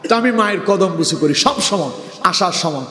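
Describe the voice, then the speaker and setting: A man's voice: high-pitched, expressive, normal speed, bright, forceful tone. A man preaching a sermon to a crowd, switching between chanted scripture recitation and rousing calls for the audience to answer back. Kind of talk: Bengali waz sermon. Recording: echoey long-reverb hall.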